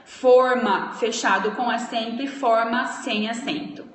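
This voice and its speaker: Woman, language teacher, slightly high voice, unhurried patient delivery, echoey room. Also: steady tone, a little hiss or hum. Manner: explains slowly, spells out letters, checks in with "tá?" and "ok?". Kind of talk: live-streamed grammar lesson.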